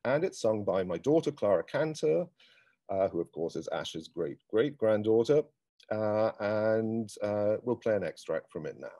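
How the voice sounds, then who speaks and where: A middle-aged man hosting a live-streamed cultural event, talking in an unhurried, thoughtful way with frequent ums and restarts. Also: fairly low pitch, expressive, warm tone, no room sound. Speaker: host.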